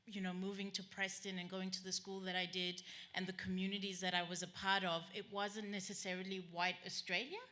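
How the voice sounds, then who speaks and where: A woman's voice: medium pitch, level tone, fairly quick, few pauses, bright, forceful tone. A young woman from South Africa, a writer on a panel, talking thoughtfully and repeating words as she thinks. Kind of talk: casual reflective chat.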